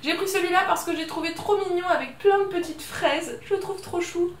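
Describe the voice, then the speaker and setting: A woman's voice: very high-pitched, steady tone, a little fast, far from the mic. A woman chatting casually through a scrapbooking haul video, chatty and self-mocking, with many little fillers. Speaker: scrapbooking vlogger. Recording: echoey room, voice a bit off-mic, faint noise.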